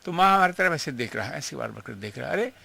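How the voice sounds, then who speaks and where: In a reminiscing interview, an older man recalls his years with his guru, telling the story earnestly and emotionally and slipping in English phrases. His mid-range voice is expressive, fast, sharp, slightly rough, with vocal fry.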